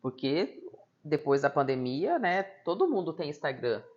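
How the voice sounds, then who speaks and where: A woman's voice: low voice, very animated, a little slow, darkish tone, highs cut off. A woman psychologist with a Brazilian Portuguese accent, a guest in a casual interview, who talks expressively and acts out the people in her stories.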